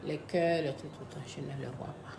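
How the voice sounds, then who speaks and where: A woman's voice: deep voice, steady tone, normal speed, creaky, a crowd in the background. Chatty woman livestreaming. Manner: chatty, calls viewers her babies; sombre and reflective when speaking of loss. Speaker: live streamer talking to her followers. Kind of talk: casual live-stream chat. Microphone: phone.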